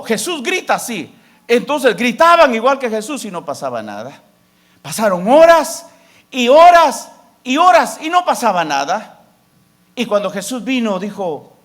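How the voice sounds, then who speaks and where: Male pastor, sermon, high voice, wide swooping pitch, calls out to the congregation. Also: big pitch swings, unhurried, a bit bright. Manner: preaching with sweeping rises and drops, calling out "hermano".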